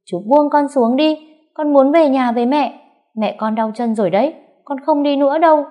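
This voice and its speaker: A woman's voice: medium pitch, moderate pace, warm tone, pitched above the performer's own voice, natural voice. A woman voicing a small boy who cries and begs for his mother in a spoken story. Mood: wailing. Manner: pleading, wailing.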